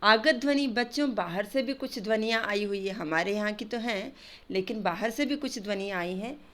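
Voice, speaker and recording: A woman's voice: mid-range voice, moderate pace, a bit bright. A woman teaching a grammar lesson to children, patiently spelling out letters and sounds one by one over slides.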